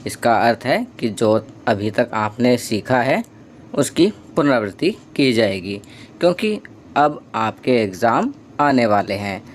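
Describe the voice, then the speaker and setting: A male teacher, patient and slow, taking children through a worksheet step by step. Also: medium pitch, very animated, a little hiss or hum.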